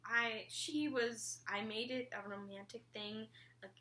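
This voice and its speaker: Bright-voiced chatty teen girl vlogging. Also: fairly high pitch, steady tone, measured pace. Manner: chatty and rambling, frequent "like" and "um", casual swearing. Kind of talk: casual vlog reaction.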